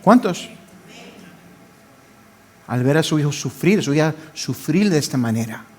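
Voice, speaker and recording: A man's voice: a little high, expressive, a little slow, breathy edge. Fervent male pastor preaching. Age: older. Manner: fervent preaching, swings from loud pleading to quiet asides. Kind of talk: sermon.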